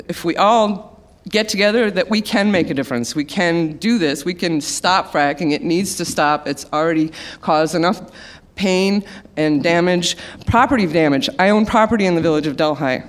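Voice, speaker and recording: Emotional, halting woman testifying. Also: medium pitch. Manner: halting and nervous, with restarts and apologies. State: emotional, close to tears. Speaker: public commenter at a hearing. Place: public hearing room.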